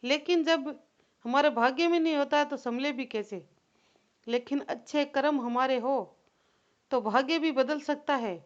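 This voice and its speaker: A woman voicing a patient but reluctant male god who reasons calmly, in a plain storytelling voice. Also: high-pitched, measured pace. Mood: reasoning. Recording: dull lo-fi recording.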